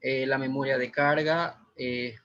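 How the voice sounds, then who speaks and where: A man's voice: medium pitch, steady tone, measured pace, a bit bright. Guayaquil man teaching over a muffled call. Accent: Ecuadorian Spanish, Guayaquil. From Ecuador. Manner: explanatory with frequent "eh" fillers. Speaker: automation instructor. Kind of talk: live webinar lesson. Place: small room indoors. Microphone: webcam or laptop mic on video call. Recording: muffled video-call audio.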